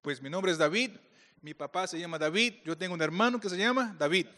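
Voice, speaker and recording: A middle-aged Brazilian pastor, a native Portuguese speaker with a Brazilian accent, gives a playful, joking conference talk to a church group. His voice sits high and sounds brisk, bright and forceful, with long hall reverb around it.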